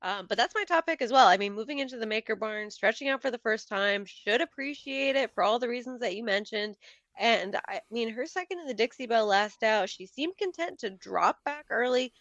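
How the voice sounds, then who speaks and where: Brisk, analytical woman guest, dry sound. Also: fairly high pitch, lively intonation, fairly bright tone, no echo, muffled recording. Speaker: podcast guest and horse racing handicapper. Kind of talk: casual podcast chat.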